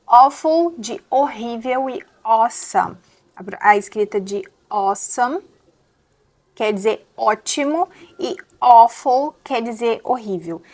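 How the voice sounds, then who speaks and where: A woman's voice: a little high, expressive, darkish tone. Brazilian woman teaching English pronunciation. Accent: Brazilian Portuguese. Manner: explains step by step, repeats English words slowly to model them. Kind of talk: pronunciation lesson.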